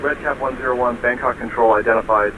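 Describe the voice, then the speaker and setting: A man working as an air traffic controller, giving clipped, procedural instructions over a helmet radio. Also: medium pitch. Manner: flat, brisk, procedural delivery. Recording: tinny radio with static.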